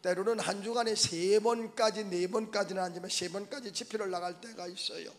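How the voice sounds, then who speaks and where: A middle-aged man, a pastor, preaching a revival sermon, swinging from soft asides to shouted exclamations. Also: high voice, steady tone, a little fast. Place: church sanctuary.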